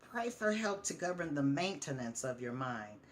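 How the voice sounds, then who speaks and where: A woman's voice: low-pitched, sing-song, normal speed, a little hiss or hum. A woman vlogger reading her own stories and inspirational writing aloud in a heartfelt, encouraging way, repeating phrases and sometimes stumbling on words. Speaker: storyteller and vlogger.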